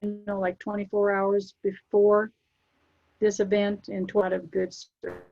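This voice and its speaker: A soft-spoken woman gently walks listeners through spiritual preparations in a relaxed chat, her voice often fading at the ends of phrases. The sound is muffled and lo-fi, like an online call. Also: medium pitch, measured pace, gravelly, soft background music. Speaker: spiritual channeler. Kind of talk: casual spiritual guidance chat.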